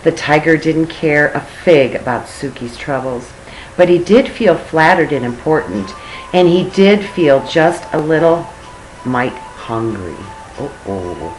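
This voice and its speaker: A woman's voice: low-pitched, lively intonation, unhurried, soft background music, rough recording. An older woman, a grandmother, reading a picture book aloud to a child expressively, with chatty asides.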